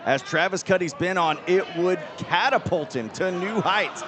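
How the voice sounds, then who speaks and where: A man giving play-by-play as a wrestling commentator, with excited calls on the big moves. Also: sits high, normal speed. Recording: live event with crowd behind. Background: crowd noise.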